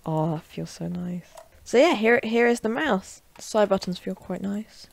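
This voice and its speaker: A woman at her desk at home, casually talking through a product unboxing and gameplay, chatty and offhand, breaking into loud shouts while gaming. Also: medium pitch, lively intonation, moderate pace, vocal fry. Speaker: tech reviewer and gamer.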